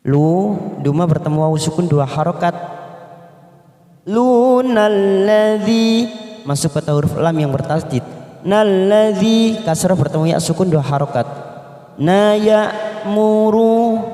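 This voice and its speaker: A man's voice: a little high, fairly even intonation, brisk, dark tone. A man teaching Quran reading, over-enunciating each syllable as he explains and demonstrates melodic recitation. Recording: echoey room with long reverb.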